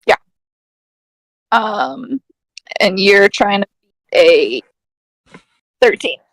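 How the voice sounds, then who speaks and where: A woman's voice: mid-range voice, lively intonation, extremely slow, no echo. A woman playing a tabletop game, reading spell rules and talking hesitantly with fillers. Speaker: player.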